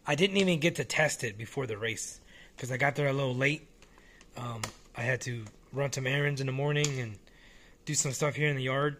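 A man casually talking through a hobby model car while filming it one-handed at home, relaxed and rambling with frequent restarts. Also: medium pitch, fairly quick, slight background noise. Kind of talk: casual off-the-cuff vlog. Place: small indoor room at home.

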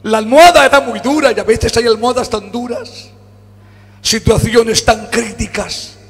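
A man with a Spanish accent preaching a fervent sermon in a church, swinging from low murmurs to shouts. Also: fairly quick, slightly rough. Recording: church hall reverb with faint music.

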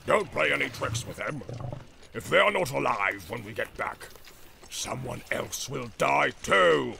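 A man's voice: medium pitch, animated, a little slow, sharp tone, a little hiss or hum, heavily acted. Ugluk, a man doing a growling orc captain. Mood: commanding. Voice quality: gravelly, growling. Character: brutal male orc captain, gruff and menacing.

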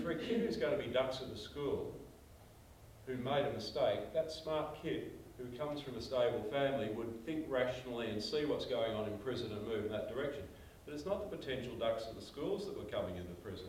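An older Australian man's mid-range voice comes across animated, brisk and a little mellow as he tells stories emphatically during a panel discussion, gesturing along. He's in a small meeting room, recorded from far off with echo and a faint hiss or hum.

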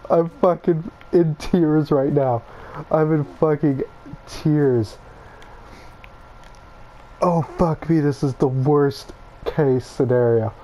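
A woman's voice: low voice, mellow, highs cut off. A woman playing a survival game with a friend, shrieking, swearing and laughing through her fear, tearful from screaming. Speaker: gamer streaming with a friend. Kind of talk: panicked co-op gameplay chat.

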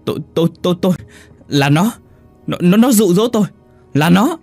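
A man's voice: mid-range voice, sing-song, unhurried, soft background music. Man doing a lecherous cowardly official. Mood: panicked. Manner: leering, then stammering. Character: lecherous middle-aged male official, cowardly.

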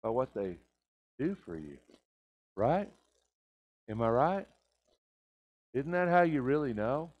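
A man's voice: mid-range voice, very animated, slow, long pauses, lo-fi sound. Older man preaching with rhetorical questions. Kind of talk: sermon. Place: church sanctuary.

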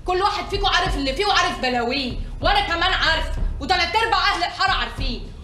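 Feisty sharp-tongued Egyptian woman. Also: extremely high pitch, expressive, very fast, roomy sound, a little hiss or hum, full character voice. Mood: scolding. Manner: combative, scolding. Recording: music score behind.

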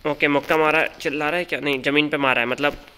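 A man giving excited live commentary as he calls out a boss's moves and talks to his character. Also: a little high, fast talker, a little hiss or hum. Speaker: gaming channel host.

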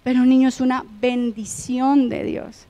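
A woman pastor with a Colombian accent preaching a sermon, passionately swinging between loud emphatic lines and hushed, soft ones. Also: high-pitched, flat delivery, normal speed, big-room sound.

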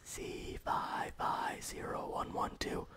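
A man recording ASMR, mostly in a whisper, with deadpan, rambling asides. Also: takes it slowly. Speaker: ASMR video creator.

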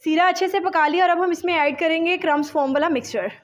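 A woman calmly talking through a home cooking recipe step by step, as a voice-over. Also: very high-pitched, quick pace. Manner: calm step-by-step instructions mixing English words. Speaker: home cooking channel host.

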